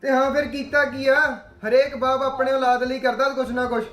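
A man's voice: very high voice, level tone, normal speed, a bit bright. An actor playing a defiant young adult son talking back to his father, with a Punjabi accent. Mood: sulky. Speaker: grown son.

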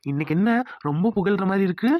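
A man voicing a gentle, puzzled young village husband in a cartoon. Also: high voice, fast talker, natural voice. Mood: teasing. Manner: plain, wondering, teasing.

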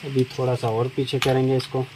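A middle-aged tool shop seller demonstrates a chainsaw step by step, speaking unhurriedly in a mid-range, monotone voice that barely rises or falls while his hands work on it. A phone held over the shop counter records him, picking up clear background noise.

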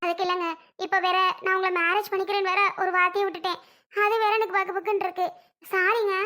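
A very high, bright voice carries this anxious young wife as a woman acts her out. She speaks in a pleading, tearful way, caught up in a domestic family drama. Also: level tone, quick pace. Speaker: actor in a family drama skit.

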